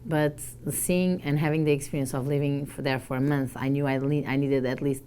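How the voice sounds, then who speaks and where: A woman from Portugal, giving a motivational talk to an audience and telling her story with animated, acted-out dialogue. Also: a bass voice, fairly quick, a little hiss or hum. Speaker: guest speaker.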